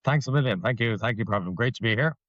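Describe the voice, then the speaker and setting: An older Irish man, a company founder, talking energetically in a podcast interview, with many pauses and restarts. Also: mid-range voice, animated, a bit bright, no room sound, highs cut off. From Ireland.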